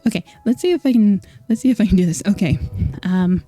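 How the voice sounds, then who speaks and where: Speaking fast in a dark, mid-range voice with a breathy edge, a vtuber streamer chats casually with viewers as faint music plays. Though Scottish in origin, she sounds mostly American, and she's chatty and apologetic with many fillers.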